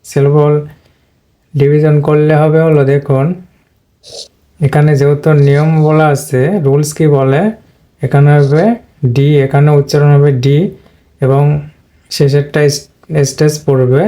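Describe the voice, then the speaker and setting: Soft-spoken teacher, flat and mellow. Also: male voice, fairly high pitch, unhurried, pauses often. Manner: plain, repetitive explaining with throat clearing. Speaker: English pronunciation teacher. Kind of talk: whiteboard lesson explanation.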